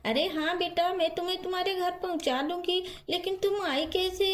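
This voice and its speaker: A woman's voice: extremely high pitch, fairly even intonation, normal speed, pitched above the performer's own voice. A woman as a kind, worried housewife. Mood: soothing. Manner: coaxing, talks to herself aloud. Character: kind poor young housewife, caring and worried.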